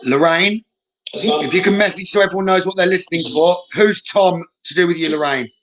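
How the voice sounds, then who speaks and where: Higher-voiced man hosting a spirit session. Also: fairly quick, fairly bright tone, low-quality recording. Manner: short repeated questions and instructions. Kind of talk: live spirit box session, calling out questions.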